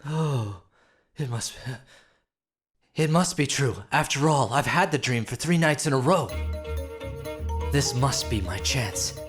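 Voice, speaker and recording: A man's voice: mid-range voice, lively intonation, slow pace, long pauses, a bit bright, breathy edge, no room sound, soft background music, exaggerated voice. Man playing a flustered, swooping-voiced poor woodcutter. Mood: eager, resolved. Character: poor, excitable, bewildered male woodcutter and husband. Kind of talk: animated storybook acting.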